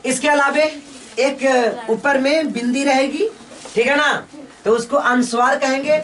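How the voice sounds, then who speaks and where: A woman teaching a lesson. She asks each question, then answers it herself in slow, repeating drills. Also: high-pitched, steady tone, a bit bright, distant mic. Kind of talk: classroom lesson with call-and-response drills.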